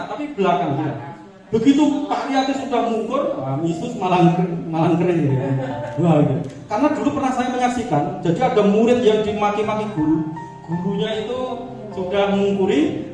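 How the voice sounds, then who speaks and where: A man's voice: sits high, expressive, brisk, warm tone. A man giving a chatty presentation to fellow teachers, full of fillers and acted-out classroom examples. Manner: chatty, frequent fillers, acts out teacher voices. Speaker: teacher leading a training session. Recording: echoey room, mic far off, faint music.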